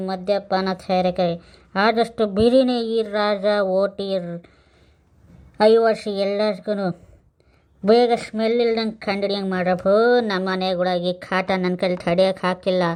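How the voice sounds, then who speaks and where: A woman's voice: medium pitch, darkish tone, natural voice. A woman playing a drunken, boastful village man in a comic skit, rambling with slurred speech and broken English. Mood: slurred, maudlin.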